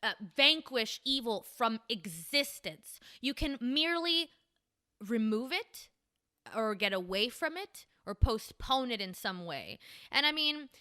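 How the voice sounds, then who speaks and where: A woman with a bright, smooth, clean voice co-hosts a podcast. She teases her partner, swears casually, and keeps pulling the conversation back on track. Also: fairly high pitch, animated, unhurried. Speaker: podcast co-host. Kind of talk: casual banter.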